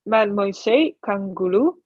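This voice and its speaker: A woman's voice: medium pitch, lively intonation, measured pace, dull audio. A woman learning beginner French, hesitant, answering with short single words and fillers. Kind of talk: repeating words in a language lesson.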